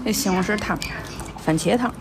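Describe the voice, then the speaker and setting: A woman's voice: medium pitch, a little fast. A woman with a Tianjin accent chatting casually over a meal as a food vlogger, commenting on each bite. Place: small busy restaurant, indoors. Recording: clattery, noisy small restaurant.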